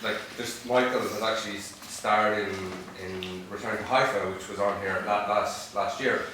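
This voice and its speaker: A man's voice: on the low side, steady tone, moderate pace, bright, forceful tone, slight background noise. A man asking an audience question at a Q&A, earnest and rambling with many fillers. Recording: echoey hall, distant mic.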